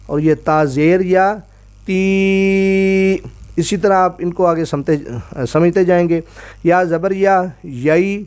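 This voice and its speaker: A man teaching Quran reading in a recorded lesson, patiently sounding out each syllable slowly and drawing out the long vowels. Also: high voice, darkish tone. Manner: clears throat now and then.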